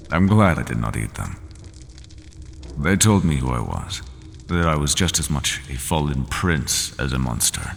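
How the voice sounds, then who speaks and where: Lonely, bitter Minotaur, voiced by a man: very low, gravelly, lively pitch, slow solemn delivery, faint ambient noise. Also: big-room sound, full character voice. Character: lonely brooding Minotaur, a bull-headed male prisoner. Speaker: ASMR roleplay performer. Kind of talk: ASMR roleplay monologue.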